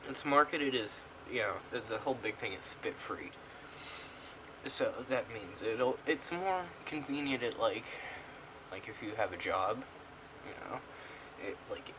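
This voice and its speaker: A young American man rambling casually in a vlog review, talking with a pouch tucked in his upper lip. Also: medium pitch. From United States. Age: young adult. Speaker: product reviewer. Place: small room indoors. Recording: clear background noise on camera mic.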